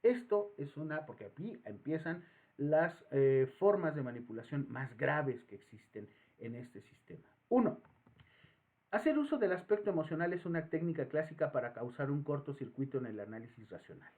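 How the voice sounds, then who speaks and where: A man with a Mexican accent giving a psychology lecture as the professor, animated and acting out voices in his examples. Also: a little high, normal speed. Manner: animated, acts out voices in anecdotes. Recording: tinny phone-like audio.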